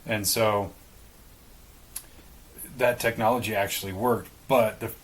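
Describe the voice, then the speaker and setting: A podcast co-host speaks slowly in a lowish, steady voice, casually explaining a story with some swearing and speculation. The audio is poor.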